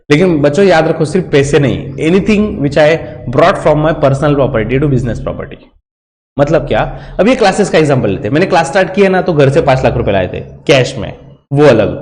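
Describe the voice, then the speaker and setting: A man's voice: a little high, a little mellow. A man with an Indian English accent teaching a commerce lecture, explaining step by step and mixing English terms into Hindi. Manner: explains step by step and checks in with repeated "theek hai". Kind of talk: recorded lecture for students. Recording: long hall reverb.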